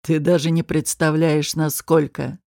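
A woman reading an audiobook voices a domineering, menacing man who talks in a low, slow, mocking, threatening way. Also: flat delivery, gravelly, a little mellow, no echo, studio quality.

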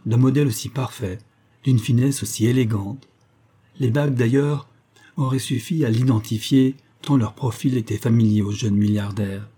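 A man narrating a literary adventure novel in a measured, dramatic storytelling manner. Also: mid-range voice, dark tone, slightly rough. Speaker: audiobook narrator.

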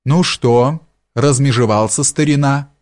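A man's voice: medium pitch, unhurried, dry recording, clean studio sound, lightly acted. A man voicing a smug, condescending male landowner who speaks in an affable, patronizing way.

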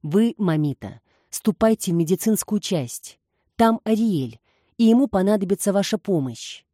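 A woman's voice: medium pitch, expressive, normal speed, dark tone, dry recording, studio quality, close to an everyday voice. A woman voicing a resolute young woman who gives firm, urgent orders. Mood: commanding.

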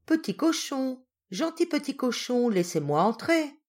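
A woman voicing a greedy, menacing male wolf in a storybook reading, speaking slowly and loudly. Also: high voice, big pitch swings, faint music behind, voice pushed up.

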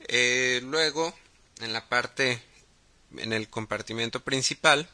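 A man with a Mexican accent hosting a casual podcast, talking haltingly with many fillers and restarts. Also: mid-range voice, bright, forceful tone. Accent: Mexican Spanish. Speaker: podcast host.

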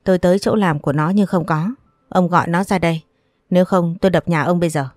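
A brash thug from a storybook, barking threats at an old man's door, as a woman reads him out. His words come quick and hard, and the voice stays fairly low. The sound is dry and close. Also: darkish tone, dry recording, close to an everyday voice. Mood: threatening. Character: menacing male debt-collector thug.

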